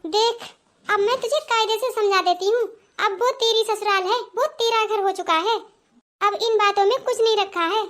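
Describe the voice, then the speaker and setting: A woman's voice: extremely high pitch, fairly even intonation, moderate pace, a bit bright. A woman voicing a suspicious scolding mother. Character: nagging mother of the bride. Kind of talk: Hindi cartoon voice acting.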